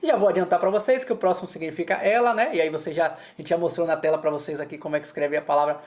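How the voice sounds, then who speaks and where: A woman's voice: low voice, racing, a little mellow. Chatty Brazilian woman teaching Chinese. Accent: Brazilian Portuguese. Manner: explanatory, chatty, keeps checking in with listeners. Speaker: Mandarin teacher. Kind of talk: co-taught language lesson.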